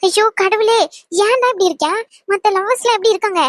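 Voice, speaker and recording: A shrill, very high-pitched cartoon girlfriend, voiced by a woman, rattling off a fast stream of nagging complaints. She scolds and sighs in exasperation at her timid boyfriend. The sound is dry and close. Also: dry recording. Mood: exasperated. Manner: nagging, scolding, sighing exclamations. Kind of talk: cartoon voice acting.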